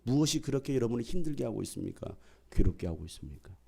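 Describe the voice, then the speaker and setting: A male pastor preaching a sermon, swinging from loud calls to soft whispers and acting out the voices in the scripture. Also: mid-range voice, sing-song, fast, gravelly, husky. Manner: acts out the voices in the scripture passages.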